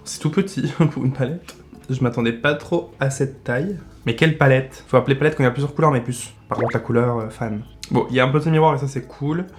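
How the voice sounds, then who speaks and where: A man's voice: mid-range voice, fast talker, a little hiss or hum. A man in his twenties with a French accent, chatting casually in a beauty vlog and giving blunt product verdicts. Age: 20s. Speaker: beauty vlogger.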